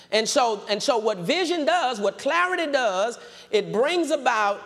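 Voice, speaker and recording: A male pastor preaches with a high, very lively voice, hammering home his points by saying them again and again. His sermon rings with the long reverb of a large hall. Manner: preacherly, repeats phrases for emphasis.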